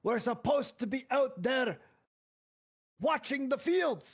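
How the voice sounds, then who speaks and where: A man voicing a gruff, impatient older male soldier with a put-on Scottish accent, barking orders. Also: extremely high pitch, lively intonation, slow pace, voice pushed up, full character voice. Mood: angry. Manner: barking, shouty. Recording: dull lo-fi audio.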